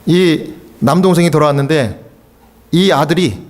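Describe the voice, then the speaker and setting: A middle-aged man from Korea, a pastor preaching at a revival meeting, telling a story and acting out the voices in it, often rising to shouts. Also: a little slow. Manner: acts out quoted voices, shouting the high parts. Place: church sanctuary.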